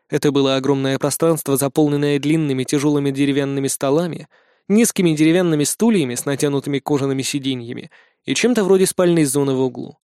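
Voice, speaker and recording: A man narrating a fantasy audiobook, with lively, ironic asides. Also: a little high, clear, resonant tone, dry recording, studio quality.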